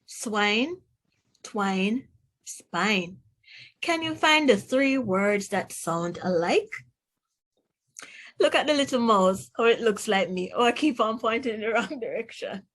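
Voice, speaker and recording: In this children's phonics read-aloud, a Jamaican-accented woman with a mid-range, slightly bright voice speaks slowly and expressively. She pronounces words carefully for teaching and puts questions to her young audience.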